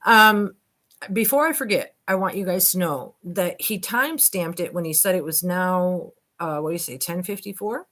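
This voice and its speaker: Speaking at an ordinary speed, a woman with a lowish, slightly bright voice reads from a transcript and comments casually. She's an online host who talks straight to her audience, tossing in doubtful remarks.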